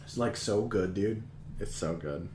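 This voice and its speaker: A man's voice: low voice, unhurried, darkish tone, a little hiss or hum. A man hosting a live model-building stream, chatting casually, rambling and giggling. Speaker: streamer and host. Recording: echoey room.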